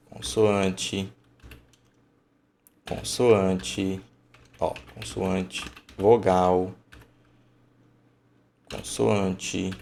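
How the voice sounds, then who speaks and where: A man's voice: deep voice, creaky, a little mellow. A man teaching an online lesson, emphatic and colloquial, thinking aloud as he explains.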